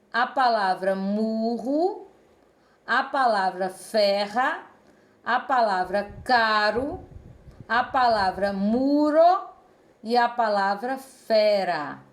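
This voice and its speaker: Slow, lively-voiced woman teacher. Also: mid-range voice. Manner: slow, explanatory, rhetorical questions. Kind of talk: explaining a Portuguese lesson.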